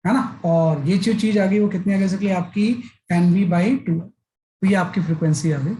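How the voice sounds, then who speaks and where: A man's voice: high voice, steady tone, normal speed, warm tone, slight background noise, low-quality recording. Man, physics teacher, classroom lecture, explains step by step, frequent check-ins. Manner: explains step by step, repeats filler "है ना".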